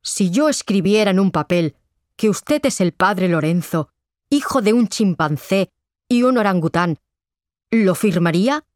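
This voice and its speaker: A woman's voice: mid-range voice, expressive, a little slow, a little mellow, dry recording, clean studio sound, close to an everyday voice. A woman reading as a determined father. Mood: earnest. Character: determined middle-aged father, protective.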